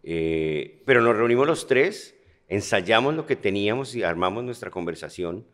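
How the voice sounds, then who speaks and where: A man's voice: fairly low pitch, lively intonation, normal speed, a bit bright. A man with a Colombian accent, a guest actor on a podcast, telling stories in a joking, slangy way. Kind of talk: casual podcast conversation.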